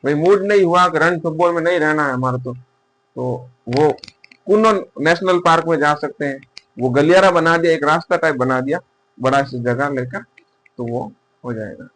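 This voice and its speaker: A male teacher giving a casual exam-prep lecture, asking questions and answering them himself, and repeating key terms slowly as he writes them down. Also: a little high, a bit bright. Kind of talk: casual classroom-style lecture.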